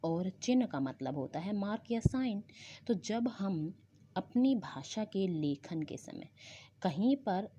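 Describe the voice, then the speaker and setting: A woman's voice: mid-range voice, big pitch swings, slow pace, warm tone. A woman teaching a school language lesson in an online class, explaining patiently and often checking in with her pupils. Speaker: Hindi teacher. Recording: dull lo-fi recording with faint noise.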